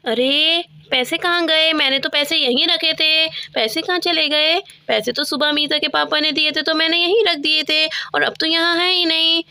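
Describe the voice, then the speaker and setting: Soft motherly voice from a woman, bright, dry, doll-play story. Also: high-pitched, steady tone, moderate pace, hardly any pauses, dry recording, heavily acted. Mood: worried. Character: gentle busy mother of a little girl.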